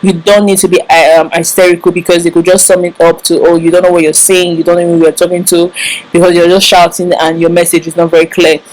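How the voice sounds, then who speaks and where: A Nigerian woman with a Nigerian English accent gives relationship advice to camera in a casual talk, earnest and emphatic, repeating words for stress. Her voice is fairly low, level and a little mellow, and she talks fast, though the audio is poor.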